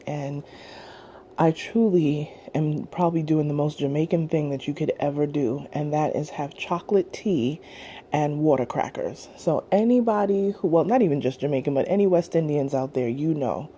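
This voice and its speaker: A woman hosting her podcast in a soft, quiet voice, slipping into whispers while she eats breakfast. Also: slight background noise. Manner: low, quiet voice that drops into whispers; eating breakfast while talking. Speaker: podcast host. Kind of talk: soft-spoken casual chat.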